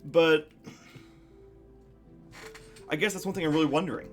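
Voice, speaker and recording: A young man streams and chats casually, musing aloud in a rambling, reflective way full of fillers and restarts. His masculine voice sits on the high side at a moderate pace, with faint music playing behind.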